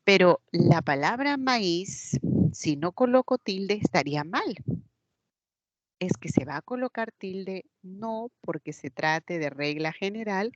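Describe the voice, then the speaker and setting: A woman's voice: mid-range voice, animated, slow, dry recording. A woman teacher with a Peruvian Spanish accent, leading an online class and patiently explaining step by step. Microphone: computer mic in a video class. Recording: dull lo-fi online class audio.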